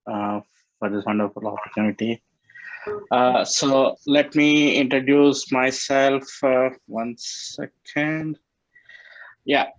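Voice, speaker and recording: Halting Indian man on a muffled call. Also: medium pitch, dry recording. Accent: Indian English. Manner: halting, many fillers and restarts. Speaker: club member giving a self-introduction. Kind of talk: virtual club meeting talk.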